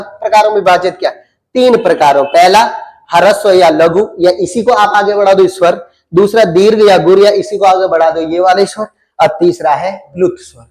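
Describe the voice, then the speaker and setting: High-voiced male Hindi teacher from Uttarakhand. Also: darkish tone. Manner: quizzes listeners, answers his own questions; draws out vowels to demonstrate them. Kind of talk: classroom-style lesson with questions and answers.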